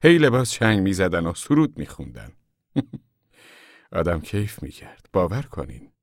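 Brief: male reader playing a cheerful, chatty little camp boss, low voice, dry sound. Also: sing-song, no room sound, heavily acted. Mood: friendly. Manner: warm, friendly, chatty. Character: small, friendly, chatty camp manager. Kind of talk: audiobook character voice.

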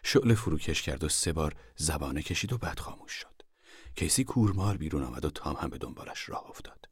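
A man narrating an audiobook in a measured way, sometimes dropping to a whisper in tense passages. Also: rumbling low, expressive, slightly rough, dry recording, clean studio sound.

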